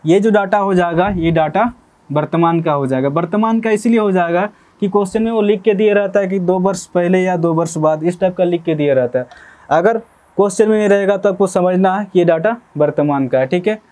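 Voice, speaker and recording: Man, young adult, maths teacher, high voice, mellow tone, patient step-by-step explanation. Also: fairly quick. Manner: explanatory, repeats "theek hai" to check understanding. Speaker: math teacher.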